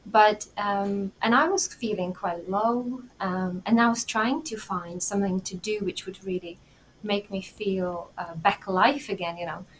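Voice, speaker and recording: A woman in her thirties with a Czech accent, chatting as an interview guest, warm and giggly with many pauses and fillers. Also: mid-range voice, steady tone, a little hiss or hum, rough recording. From Czech Republic. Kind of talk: casual interview talk.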